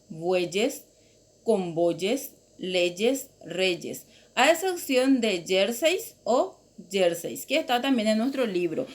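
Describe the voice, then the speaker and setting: A woman teaches a grammar lesson, her voice sitting fairly high. She talks unhurriedly and deliberately, listing example words one after another. Each rule gets a patient explanation. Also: bright, forceful tone.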